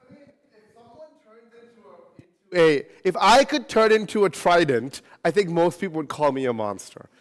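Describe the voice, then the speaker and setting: A man speaking at a convention panel, answering audience questions in an animated, casual way and often adding tag questions. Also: on the high side, normal speed, long pauses. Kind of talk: casual Q&A talk. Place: convention hall.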